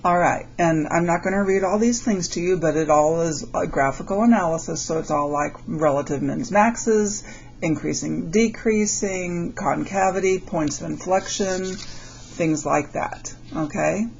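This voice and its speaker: A woman teacher with a summer cold, her voice gravelly and nasal, explaining a calculus lesson on video and checking in with frequent "okay?". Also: lowish voice, unhurried, darkish tone, highs cut off, a little hiss or hum.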